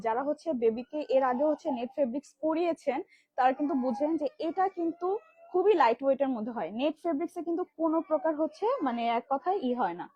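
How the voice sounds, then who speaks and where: A woman from Bangladesh hosting a live stream, showing children's dresses in rapid, filler-heavy sales patter. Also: high voice. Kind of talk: live product demo selling kids' dresses. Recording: dull lo-fi livestream audio.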